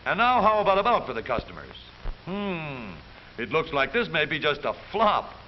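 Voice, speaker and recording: In a fairly high voice, an American man narrates a 1930s newsreel with jaunty, theatrical wisecracks, his pitch swinging widely. He is very animated and speaks at a normal speed. The aged soundtrack sounds dull and carries a light hiss.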